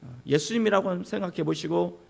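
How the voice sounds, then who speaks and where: High, gravelly-voiced pastor preaching dramatically. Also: male voice, lively intonation, fast, darkish tone. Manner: dramatic, acts out cries and asks the congregation questions. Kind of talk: sermon.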